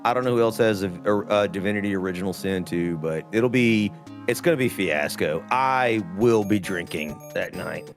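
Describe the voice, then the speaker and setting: A man's voice: fairly low pitch, normal speed, gravelly, faint music behind. Rambling man hosting a gaming stream. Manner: rambling, laughs often, drawling asides. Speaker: stream host. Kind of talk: casual gaming stream chat.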